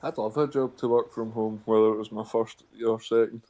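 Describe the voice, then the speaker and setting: A man's voice: lowish voice, steady tone, brisk, dark tone. A man chatting casually with teasing remarks while talking through a voice changer filter in game voice chat. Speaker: co-player on a game stream.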